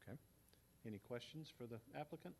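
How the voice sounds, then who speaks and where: A man's voice: mid-range voice, darkish tone, a little hiss or hum. A man chairing a public board hearing in a formal, procedural manner, heard on a meeting-room hearing recording. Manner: measured, procedural.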